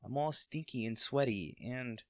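A young adult man voices a cocky college volleyball captain in a roleplay directed at the listener, relaxed and teasing, with lots of laughter and casual swearing. His natural, medium-pitched voice moves a little slowly, captured in studio quality without room sound.

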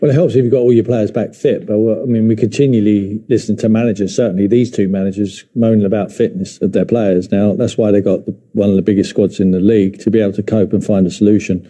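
A middle-aged man giving measured football punditry in a TV studio, hedging his opinions, on a lapel mic. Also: lowish voice, fairly even intonation, dark tone.

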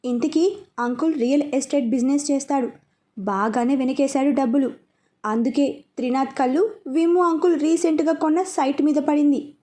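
A woman storyteller reads a serialized story in scripted narration. Her voice sits high yet dark and mellow in tone.

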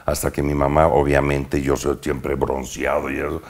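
A man with a Mexican accent, an actor telling animated anecdotes from his youth as a guest in a casual interview, using slang and sound words. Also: rumbling low, normal speed, vocal fry. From Mexico, Veracruz.

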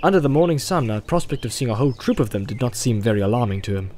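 A man narrating an audiobook in an expressive storytelling manner. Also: mid-range voice, rapid-fire, slight background noise. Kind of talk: scripted narration.

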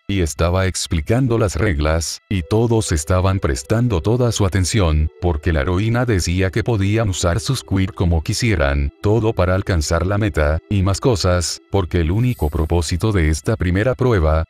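A deep-voiced man narrating fan fiction aloud. His delivery is relaxed and informal, a casual read-aloud storytelling style.

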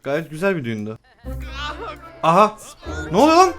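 Excitable young man, gaming commentary. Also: a little high, normal speed, soft background music. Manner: loud exclamations and frequent laughter. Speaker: gaming YouTuber. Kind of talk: excited let's-play commentary.

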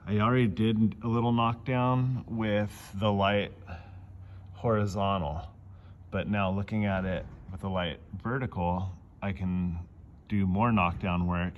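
Slow, deep-voiced man explaining a repair. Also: muffled recording. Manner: relaxed, explanatory, talks between tasks. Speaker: dent repair technician. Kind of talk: casual how-to narration while working. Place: outdoors in a parking lot beside a car.

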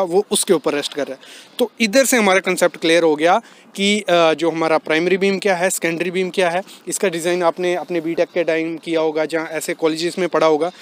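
A man's voice: high voice, slight background noise. A young man, a civil engineer, walking a building site with a phone camera and explaining construction terms step by step.

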